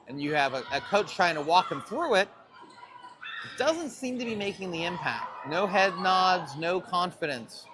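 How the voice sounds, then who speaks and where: High-voiced man calling school volleyball. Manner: chatty, cheerful, calls plays by player names and numbers. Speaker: play-by-play announcer for a high school volleyball stream. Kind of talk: casual sports commentary. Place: school gym. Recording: noisy gym audio.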